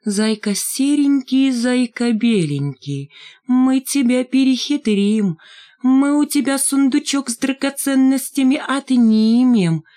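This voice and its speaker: A woman voicing a sly, teasing schoolgirl in a fox mask, singing in a thin, high, drawn-out voice. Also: warm tone. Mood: mocking singsong. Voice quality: thin singsong voice.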